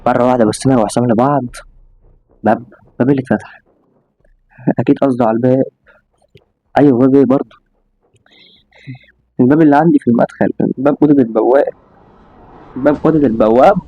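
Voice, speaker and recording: A man with an Egyptian accent casually telling a spooky story to his listeners, animated and full of exclamations and restarts. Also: medium pitch, quick pace, pauses often, no room sound. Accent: Egyptian Arabic. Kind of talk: casual spoken storytelling to an audience. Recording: slightly dull audio with faint music.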